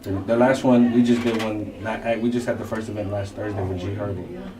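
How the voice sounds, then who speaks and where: A man's voice: lowish voice, fairly quick. A man who is a guest on a casual interview, chatting loosely with lots of fillers and swearing. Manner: laid-back, rambling, with many fillers and swearing. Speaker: guest, event promoter and DJ. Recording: roomy echo, distant mic, crowd noise behind.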